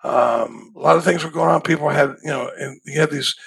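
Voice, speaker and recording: A man, telling his story as an interview guest in a relaxed, folksy way with a gravelly, husky voice. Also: a little high, a little fast, low-quality recording. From Dallas, Texas. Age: 60s. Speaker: guest in recovery. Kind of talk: conversational storytelling.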